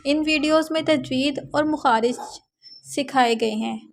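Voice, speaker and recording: High-voiced woman teaching Quran recitation. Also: gravelly, slight background noise. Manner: instructive, spells out letters and vowels slowly. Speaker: online Quran tajweed teacher. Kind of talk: recitation lesson with slow demonstrations.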